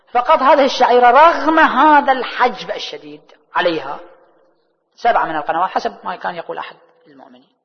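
A man delivers a religious sermon with a high-sitting voice, posing rhetorical questions and then answering them, his volume swelling and dropping between soft and loud. The recording is dull, made in a hall with long reverb.

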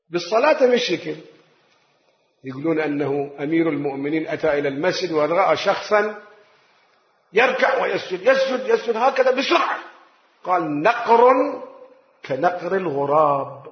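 A man preaching a sermon, his voice sitting fairly high. He drawls out recited verses and rushes through casual asides. The recording is echoey and dull, with a lo-fi tone. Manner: slows to recite scripture, quick asides in dialect. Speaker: cleric. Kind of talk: religious sermon.

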